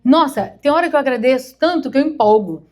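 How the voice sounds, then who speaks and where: Speaking fast with lively intonation, this woman has a high voice with a darkish tone. A therapist from Minas Gerais in her fifties, she preaches to a congregation in a Mineiro Brazilian Portuguese accent. The sermon is informal, chatty and emotional, built on small stories with quotes she acts out.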